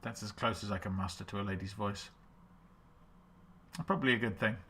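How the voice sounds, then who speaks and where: Male quiz host, bright and punchy, hams up the quotes with a joke or two. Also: lowish voice, fairly even intonation, a little fast, slight background noise. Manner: jokey, reads quotes aloud with theatrical flair. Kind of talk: live-stream film quote quiz.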